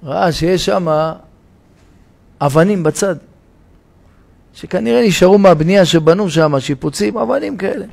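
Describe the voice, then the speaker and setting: A rabbi giving a sermon in a synagogue, telling a parable with dramatic shouts and changes of voice. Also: male voice, high voice, animated, gravelly, long pauses. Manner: dramatic storytelling, shouting the parable's cries for help.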